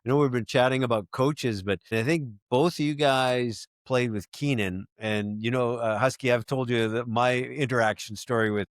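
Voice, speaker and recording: A man's voice: mid-range voice, fairly even intonation, normal speed, hardly any pauses, dry recording, studio quality. A man hosting a podcast, affirming his guests, repeating himself and prompting them for stories. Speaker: podcast host. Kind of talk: casual podcast chat.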